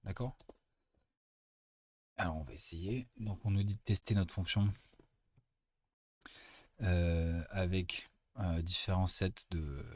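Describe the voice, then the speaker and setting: A man, working as a teaching assistant, walking through code in a casual screen-recorded lesson, chatty and full of pauses as he explains. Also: low-pitched, darkish tone.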